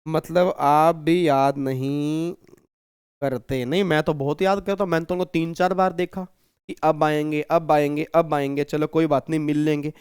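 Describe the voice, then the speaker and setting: A man's voice: a little high, little pitch movement, normal speed, a little mellow, smooth, no room sound, clean studio sound. A male teacher giving a recorded exam-prep lecture, chatty and repetitive, often checking in with his students. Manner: chatty, repeats himself, keeps checking with students.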